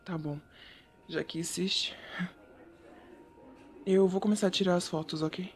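A man voicing a shy, sweet young male photographer in a whispered role-play, talking softly and bashfully to the listener. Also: sits high, steady tone, unhurried. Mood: gentle. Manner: soft, gentle and bashful, addressing the listener.

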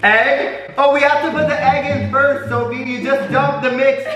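A young man hosting a chaotic baking challenge with friends at home, laughing and yelling a lot and struggling to hear. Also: very high voice, flat delivery, moderate pace, dull audio, over music. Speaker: YouTuber host. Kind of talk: chaotic casual chat. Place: home kitchen. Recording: echoey room, camera from a distance, noisy.

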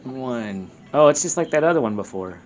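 A man's voice: medium pitch, animated, normal speed, soft background music. A man chatting casually while playing a co-op video game, laid-back, chuckling, often trailing off mid-sentence. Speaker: co-op game player. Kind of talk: casual gameplay chat.

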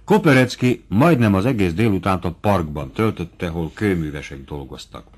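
A man narrating a classic novel as an audiobook, in a measured, expressive reading. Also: deep voice, slightly rough. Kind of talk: scripted literary narration.

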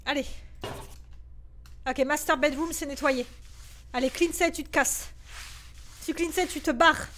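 A woman gives horror game commentary in a high, bright, sharp voice. She is jumpy, yelping and cursing whenever something startles her, and mutters to herself in nervous bursts. A faint hiss sits under her voice. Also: fairly even intonation, measured pace, long pauses. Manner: jumpy, yelps and swears when startled. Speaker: gaming video creator.

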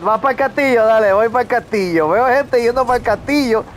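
A man chatting casually while playing an online game with a friend, teasing him and breaking into excited shouts. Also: very high-pitched, fast, slight background noise. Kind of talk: casual gaming chat.

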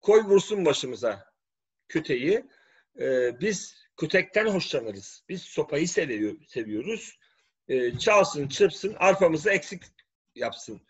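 A man's voice: a little high, sing-song, takes it slowly, husky, exaggerated voice. A man voicing a stubborn, submissive male donkey in a mocking tone. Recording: dull lo-fi recording.

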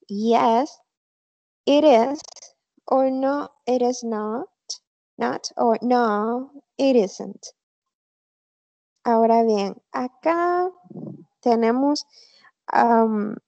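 Slow, careful woman teaching online. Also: on the high side, dark tone, dry recording. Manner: slow, careful, repeats example phrases. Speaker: English teacher. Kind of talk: online class explanation. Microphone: computer mic on a video call. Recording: slightly dull online class audio.

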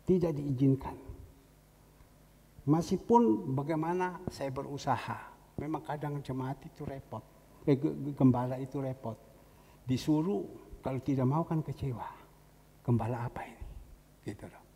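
This middle-aged pastor speaks at a normal speed, his mid-range voice creaky and mellow, leaving long pauses as he preaches. His sermon is a conversational story in which he performs the voices of those he quotes. Faint noise and echo from the church hall come through on the recording.

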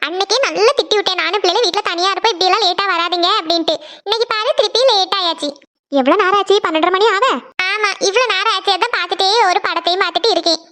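A woman voicing a shrill scolding young wife. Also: fast talker, sharp tone. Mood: worried. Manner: nagging, scolding. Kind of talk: cartoon voice acting.

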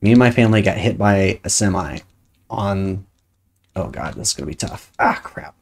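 A woman's voice: rumbling low, expressive, moderate pace, vocal fry. A woman streaming a video game, chatting casually and thinking aloud as she plays. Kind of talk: casual chat while playing a game.

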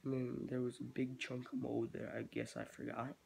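This casual hobby vlog features a teenage boy who keeps reptiles, talking in his small bedroom and thinking aloud while he works. His voice is monotone, darkish and moderately paced, stuffy from a cold with gravelly low-end fry. Noticeable hiss fills the webcam recording.

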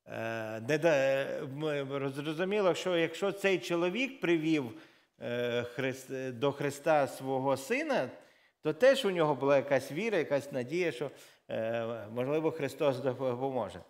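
A man's voice: medium pitch, lively intonation, measured pace. A man preaching a sermon in church, talking in a conversational way with frequent fillers and self-corrections, and reading scripture aloud with raised emphasis.

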